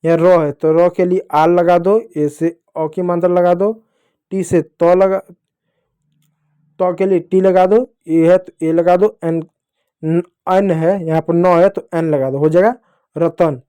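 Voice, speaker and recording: Slow, patient teacher, higher voice. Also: male voice, fairly even intonation, mellow, clean tone. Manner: slow, patient, repeats each step. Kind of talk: spelling lesson for children.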